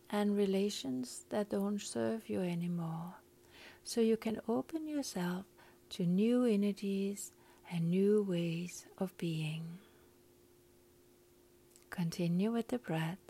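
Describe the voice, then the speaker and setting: A woman leads a guided breathing meditation with very slow, drawn-out phrasing. Her voice is breathy and soft, often close to a whisper, as she counts each inhale and exhale calmly. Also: medium pitch.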